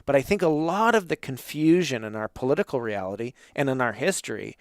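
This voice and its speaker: A man's voice: mid-range voice, lively intonation, brisk, dry recording, studio quality. A man hosting a podcast, speaking in a thoughtful, reflective way. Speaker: podcast host. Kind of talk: interview and scripted intro.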